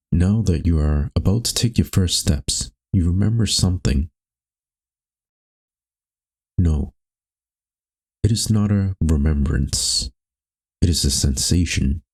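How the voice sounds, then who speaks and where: This husky, extremely low-pitched male voice reads a scripted, second-person dark existential story, his manner measured, solemn and brooding.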